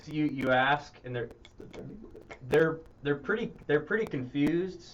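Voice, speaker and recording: A man's voice: on the high side, expressive, a little slow. A man running a tabletop game as game master, rambling and hesitant, often laughing. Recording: muffled stream audio with noise.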